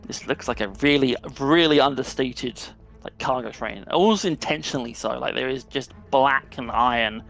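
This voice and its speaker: A man's voice: medium pitch, creaky, a bit bright. A man narrating as game master of a tabletop game, loose and full of fillers, with faint music behind. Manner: loose, filler-heavy narration with quick bursts of put-on character lines.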